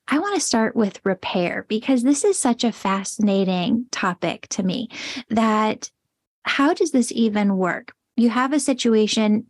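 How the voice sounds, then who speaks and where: A woman's voice: fairly high pitch, a little mellow, no echo, clean studio sound. A woman hosting a podcast interview, asking questions with eager enthusiasm. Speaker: podcast host.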